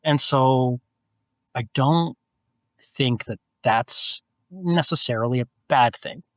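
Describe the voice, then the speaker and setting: A man who is a philosophy professor, answering interview questions in a measured, explanatory way over a video call. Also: mid-range voice, no room sound. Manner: measured, explanatory, with frequent restarts. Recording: dull, lo-fi, dry video call audio.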